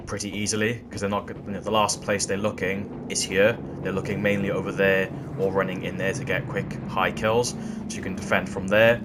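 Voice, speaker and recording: A man walking through video game tactics in a gameplay tutorial, explaining in a steady way that often repeats "again". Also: low voice, noisy background. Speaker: gaming channel host.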